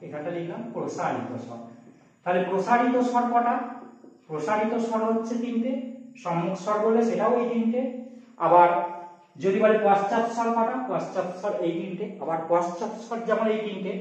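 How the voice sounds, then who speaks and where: A man's voice: high-pitched, brisk. A man teaching a grammar lesson at a board, explaining step by step and often asking his students if they follow. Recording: echoey room, distant mic, dull sound.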